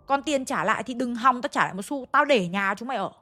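A woman voicing a sharp-tongued middle-aged landlady who scolds and refuses to back down. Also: lively intonation, quick pace, faint music behind. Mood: scolding. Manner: scolding, high and cutting.

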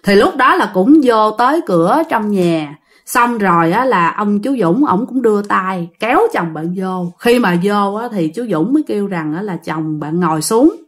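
A woman's voice: mid-range voice, expressive, normal speed. Chatty Southern Vietnamese woman storyteller. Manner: addresses listeners directly, chatty. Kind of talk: chatty ghost-story narration.

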